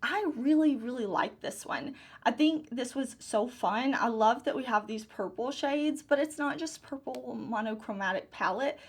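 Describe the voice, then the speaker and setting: Talking through her makeup in a relaxed product overview, a beauty YouTuber gushes with enthusiasm and keeps repeating her favorite phrases. Her voice, a little high and slightly rough at normal speed, is hoarse as she recovers from losing it.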